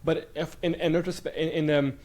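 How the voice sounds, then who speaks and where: A young man, originally from Bulgaria and brought up in Sweden, is a guest in a relaxed interview. His slightly high, slightly mellow voice stays level at a moderate pace while he rambles with frequent fillers and restarts.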